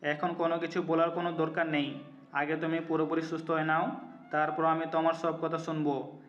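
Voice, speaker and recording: Man acting earnest young lover, flat-toned, higher-pitched. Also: brisk, natural voice. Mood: gently caring. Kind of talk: scripted romantic audio story acting. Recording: muffled audio, music behind.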